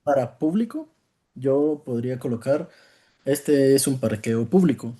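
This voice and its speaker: A male student answers a question in class in a mellow, darker voice. He sounds hesitant and unsure, trailing off and restarting his sentences. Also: medium pitch, expressive, measured pace, breathy edge.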